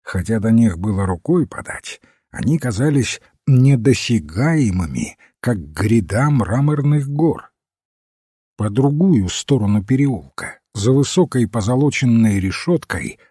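Brief: male audiobook narrator, unhurried and dark-toned, close dry sound. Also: on the low side, slightly rough, no room sound. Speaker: audiobook reader. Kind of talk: scripted narration of a detective story.

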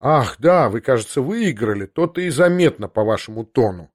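A man's voice: medium pitch, animated, normal speed, close to an everyday voice. A man voicing an arrogant aristocratic prince in an audiobook, speaking with cutting contempt and mockery. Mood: mocking. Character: arrogant aristocratic prince, scornful, pacing in anger. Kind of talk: audiobook character reading.

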